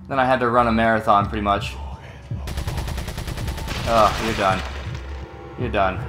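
A man giving casual, excitable commentary while playing a game and swearing when panicked. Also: on the low side, a little slow, background noise. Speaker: let's play gamer. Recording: loud game music behind the voice.

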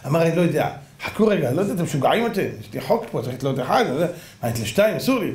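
High-voiced man telling a story. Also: sing-song, echoey room. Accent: Israeli Hebrew. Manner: acts out characters with dramatic pitch swings and shouts. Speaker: rabbi. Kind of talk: storytelling sermon.

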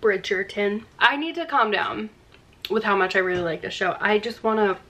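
Speaking at a moderate pace in a medium-pitched, pushed, bright voice far from the mic, a young woman in her twenties rambles casually to camera, leaning heavily on "like." A vlogger from Long Island, USA, she has a Long Island American accent and films at home, first in a small indoor room and then in the kitchen.

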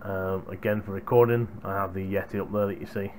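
His voice sits low and is a little mellow, steady in tone and a little fast, with a touch of hiss or hum. A young adult hardware reviewer, he chats casually to viewers from a small indoor room at home over a headset boom mic.

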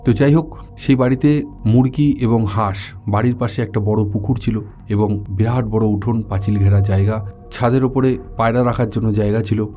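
A man narrating a first-person ghost story in a relaxed, conversational way, slipping in English words, with faint music behind. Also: fairly low pitch, moderate pace.

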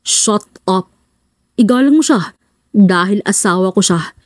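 A woman voicing a protective, wealthy young husband who speaks firmly and a bit lower, in an audiobook. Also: lively intonation, a little slow, no echo, studio quality, natural voice. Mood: stern. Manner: firm, commanding.

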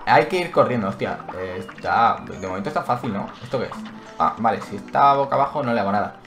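Excitable man playing a game. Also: lowish voice, fast. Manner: excitable, yelps and cries out when hit; thinks aloud, reads menu text aloud. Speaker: gaming channel host. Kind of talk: Let's Play commentary. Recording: roomy echo with game music behind.

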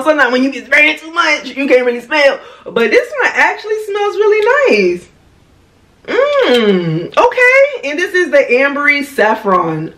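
A woman with a Haitian accent, chatting in a casual product review and talking in an animated, slangy way. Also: fairly high pitch. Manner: animated and slangy, with a lot of "you know what I mean". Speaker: beauty vlogger.

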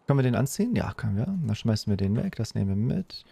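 A man's voice: lowish voice, big pitch swings, fast, gravelly, mellow, slightly rough, no echo. A man in his thirties chatting casually as he streams his gameplay from a room indoors. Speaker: game streamer. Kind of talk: casual live gaming chat.

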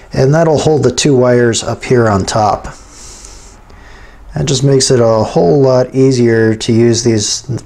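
At a lathe in his home machine shop, the host of a machining how-to channel walks through hands-on steps in a folksy, informal manner. His voice is medium-pitched with a darkish tone.

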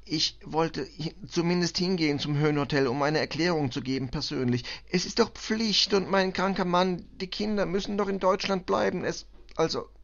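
A man voicing a distraught middle-aged female refugee cleaner who speaks halting, broken German with a Balkan accent, stammering and tearful. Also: on the high side, gravelly, lo-fi sound, pitched above the performer's own voice. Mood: shaken. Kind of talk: audiobook reading.

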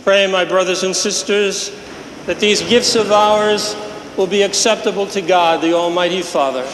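A priest with a fairly high voice intones the prayers of the Mass in a measured, solemn way. His voice carries through the cathedral echo of a large, roomy church, and each phrase trails off in a long reverb. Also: background noise. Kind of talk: liturgical prayer.

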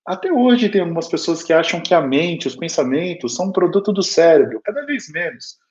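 On the high side and very animated, his darkish voice moves a little fast as he delivers an informal, explanatory spiritual talk. The speaker is a man in his thirties with a Brazilian accent, on a video call from a small home room with bookshelves, and the audio is dull and lo-fi.

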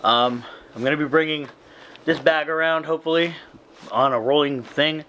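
A man in his thirties records a late-night vlog in a small hotel room, holding the camera close to his face. His voice sits a little high, and he drags through sleepy, rambling sentences full of ums. A faint background hum runs under the recording. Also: pushed and bright. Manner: slow, tired, rambling with many fillers. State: very tired. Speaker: vlogger. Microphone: handheld camera close to face.

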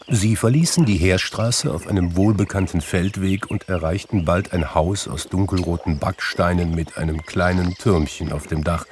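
A man reading a classic Christmas tale aloud in slow, measured narration. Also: low-pitched, a little mellow, a little hiss or hum. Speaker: storybook reader. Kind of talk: audiobook narration.

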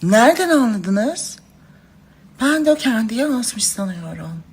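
A woman's voice: a little high, big pitch swings, slow, darkish tone, breathy edge. A woman talking to her followers in casual phone story clips, dramatic and gushing, calling them princesses and girls. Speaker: social media personality.

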